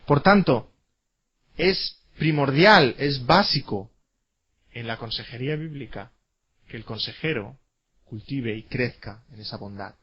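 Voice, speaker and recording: A man's voice: mid-range voice, lively intonation, a little slow, long pauses, breathy edge, lo-fi sound. A man teaching a classroom lecture, emphatic, repeating key words and asking rhetorical questions.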